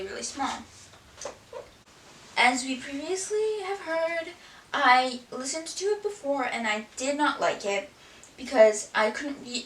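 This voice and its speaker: A woman's voice: on the high side, fairly bright tone. A woman chatting casually about books she has read, rambling and filling her talk with "like". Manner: rambling, frequent "like" fillers. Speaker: book vlogger. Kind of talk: casual book review chat. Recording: echoey room, from a distance, faint hiss.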